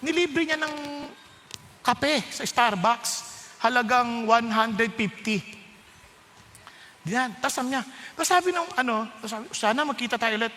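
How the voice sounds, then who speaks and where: A man preaching a sermon, switching between loud urging and hushed, emphatic lines. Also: very high voice, takes it slowly, pauses often, long reverb tail, a little hiss or hum.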